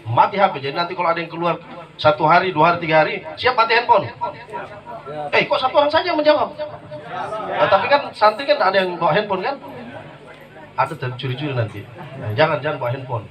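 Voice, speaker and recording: A man preaching with a somewhat high, lively voice, mixing jokes into his story. He slips into the voices of the people he tells about. The murmur of a live audience sits clearly behind him. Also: quick pace, distant mic, dull audio, crowd noise. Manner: lively, jokey, acts out quoted voices. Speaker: guest preacher. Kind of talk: humorous sermon storytelling. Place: religious gathering before an audience. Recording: live audience noise audible.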